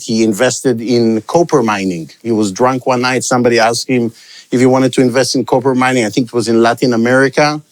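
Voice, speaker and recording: A middle-aged man from Israel who grew up in Africa appears as an interview guest and sales expert, telling stories about his career. His mid-range voice comes across reflective and rambling, with frequent restarts.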